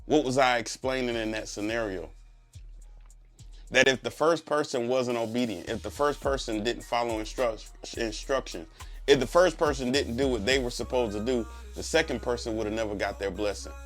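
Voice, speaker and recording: A man's voice: mid-range voice, moderate pace. A slightly congested man giving a faith-filled motivational talk as a preacher, driving points home with repetition and rhetorical questions. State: congested, under the weather. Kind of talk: motivational speech, faith testimony. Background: music.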